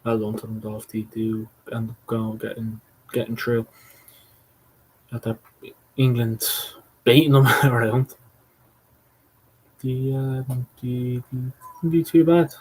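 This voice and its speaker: A man's voice: medium pitch, level tone, slow pace, pauses often, a little mellow, husky, rough recording. A man hosting a fan watchalong, giving casual live match commentary, calling passes play by play with blunt, mocking remarks.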